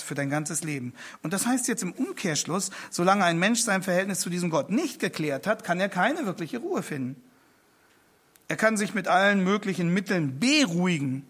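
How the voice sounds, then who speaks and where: A man preaching a sermon to a seated congregation, emphatic, repeating key phrases and slowing down for quoted verses. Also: high-pitched, a bit bright.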